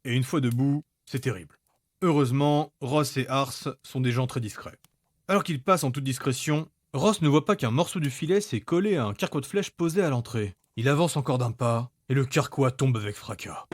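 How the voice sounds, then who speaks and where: A man's voice: mid-range voice, no room sound, studio quality. A man reading scripted narration for a fantasy audio story.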